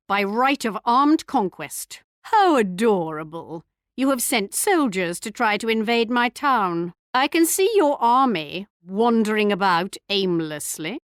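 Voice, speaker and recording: A woman's voice: mid-range voice, clear, resonant tone, no room sound, clean studio sound. Haughty, theatrically lilting queen. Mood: smug triumph. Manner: regal, arch, theatrical, mocking. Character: haughty English queen leading her empire, taunting rivals. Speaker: video game character voice. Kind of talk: scripted strategy game taunts and announcements.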